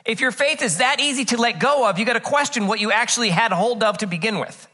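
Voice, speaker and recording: Bright-voiced man preaching a chatty sermon. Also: very high-pitched, fast, husky. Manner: earnest and chatty, with frequent "uh, uh" fillers; tells personal anecdotes with humor. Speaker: pastor. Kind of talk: conversational sermon with scripture reading.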